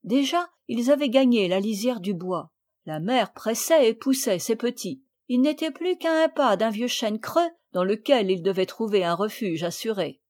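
A woman narrating a classic children's novel in a clear, measured storytelling voice. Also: fairly high pitch, animated, a little mellow. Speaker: audiobook reader.

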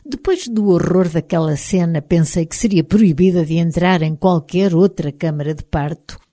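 Mellow-voiced European Portuguese woman narrating. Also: fairly low pitch, dry recording, clean studio sound. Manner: measured, expressive storytelling. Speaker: audiobook narrator. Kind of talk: first-person novel narration.

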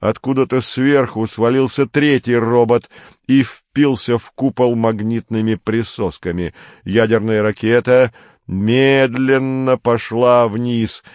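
A man reading a story aloud in an even, measured way. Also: medium pitch, clean tone, dry recording, lo-fi sound. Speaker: narrator. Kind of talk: audiobook narration.

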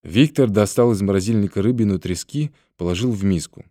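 Calm low-voiced male narrator. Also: brisk, no echo, studio quality. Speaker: audiobook reader. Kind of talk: scripted narration.

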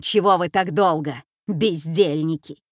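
A woman's voice: low-pitched, measured pace, no room sound, clean studio sound. A woman voicing a harsh, bossy old woman who leads a gang and barks orders. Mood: yelling. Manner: barking orders, shouting. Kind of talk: audiobook character voice.

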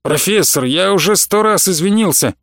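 A tall grown man, fed up and deliberately needling, as a male audiobook narrator puts him on. Raised a bit above the narrator's voice, with a dry, close sound. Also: high-pitched, lively intonation, a bit bright, dry recording. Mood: exasperated. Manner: exasperated, provocative.

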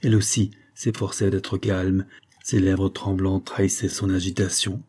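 Husky low-voiced male narrator. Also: little pitch movement, measured pace, a little mellow. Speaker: audiobook reader. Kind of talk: scripted narration.

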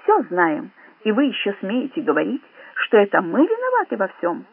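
A man voicing a pompous, indignant Soviet spy chief who blusters and shouts in an audiobook. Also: sits high, huge pitch swings, normal speed, vocal fry, breathy edge, no room sound, heavily acted. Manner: blustering, shouting, self-righteous. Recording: dry, phone-like narrow sound.

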